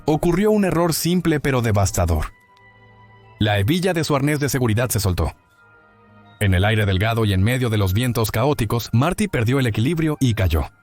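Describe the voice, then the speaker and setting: A man's voice: mid-range voice, darkish tone. Dramatic male documentary narrator. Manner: dramatic, storytelling delivery.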